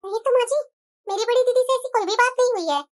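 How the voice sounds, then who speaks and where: A voice actor playing a meek younger daughter-in-law in a cartoon, speaking softly and apologetically. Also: extremely high pitch, fast talker, a little hiss or hum. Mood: denying. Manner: soft, apologetic, quiet. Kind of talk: cartoon voice acting.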